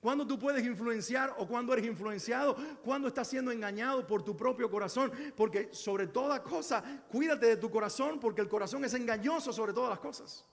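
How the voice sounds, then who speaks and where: High-voiced man preaching in an echoey hall. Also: a little fast, gravelly, hardly any pauses. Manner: earnest, exhorting, with rhetorical questions. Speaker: pastor. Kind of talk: sermon. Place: church sanctuary.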